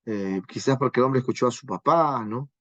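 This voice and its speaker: A man teaches a Bible class on marriage at a middle pitch. He keeps tagging his points with questions like "¿no?". The sound is dry and a little muffled, with no room echo. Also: brisk, a bit bright. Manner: asks frequent rhetorical questions with tag "¿no?".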